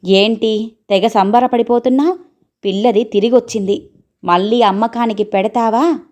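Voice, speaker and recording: A woman reading a storybook, voicing a poor working mother who talks in rough village speech, fierce and worried. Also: fairly low pitch, steady tone, normal speed, darkish tone, close to an everyday voice. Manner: rough village speech, threatening then pleading.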